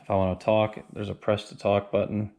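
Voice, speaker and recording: In this casual how-to, a man with a lowish, darkish voice and a level tone briskly explains step by step while reviewing and installing a product. He's plainspoken and hands-on, and the dry recording carries clear background noise and ambient sound.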